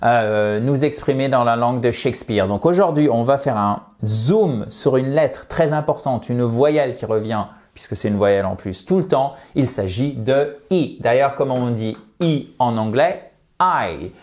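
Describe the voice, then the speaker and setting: Casting note: a man as a lively French-speaking English teacher, mid-pitched, modeling words slowly. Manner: lively, addresses viewers directly, checks with "ok?" and "d'accord?". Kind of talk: online lesson, explaining to viewers.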